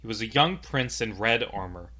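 A man telling the story of a fantasy tabletop campaign in measured, dramatic scripted narration. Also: fairly low pitch, expressive, sharp tone.

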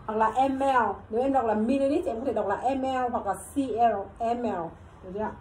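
Woman teacher, high voice, slow repeated questions, faint room ambience. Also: a little mellow, slight background noise, poor audio. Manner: asks the class questions and repeats measurements slowly. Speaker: English and bartending teacher. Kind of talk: classroom lesson mixing Vietnamese and English.

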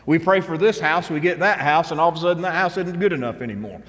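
A man's voice: fairly high pitch, quick pace, a bit bright, big-room sound. A man in his fifties, a pastor giving a conversational, earnest sermon from a church stage. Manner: earnest, conversational preaching with repeated phrases.

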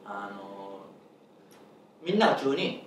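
A man telling a story on a chat show in a casual, fast way, often laughing and acting out the lines he quotes. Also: fairly low pitch, sing-song. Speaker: comedian telling a story on a podcast. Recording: echoey room, mic at a distance, faint background noise.

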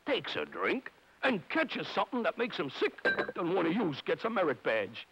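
Raspy, high-strung cartoon germ scoutmaster. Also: male voice, sharp tone, heavily acted, rough recording. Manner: barking drill-leader orders, folksy slang. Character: bossy cartoon germ scoutmaster, gruff yet excitable. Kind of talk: 1960s animated commercial character acting. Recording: old 1960s TV film soundtrack.

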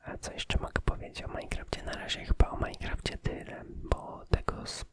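A man giving a casual ASMR channel update in a soft, unvoiced whisper, phrasing things hesitantly. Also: fairly quick.

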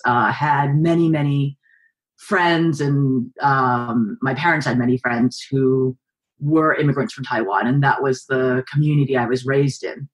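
A woman in her forties from the San Francisco Bay Area, an author and journalist answering interview questions in a thoughtful, steady way with frequent pauses, heard over a video call from her living room. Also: rumbling low. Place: home living room, indoors. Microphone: video call webcam.

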